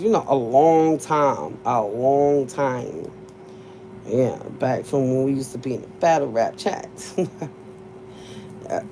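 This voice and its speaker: Woman host, lower voice with very lively pitch, blunt and profane live-stream chat, faint background noise. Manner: blunt, profane, laughs often. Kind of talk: casual livestream chat with viewers.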